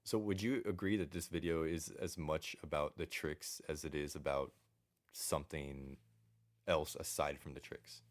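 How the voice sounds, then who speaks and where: A man with a strikingly deep, bassy voice co-hosts a casual podcast. He sounds laid-back and chats informally, often in short phrases of agreement. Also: steady tone, normal speed. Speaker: podcast co-host. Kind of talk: casual chat.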